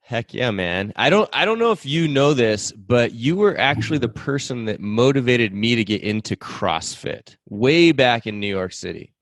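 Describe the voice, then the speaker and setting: A man's voice: medium pitch, animated, moderate pace, hardly any pauses, no echo. A man hosting a podcast interview, upbeat and friendly, often saying "man". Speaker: podcast host.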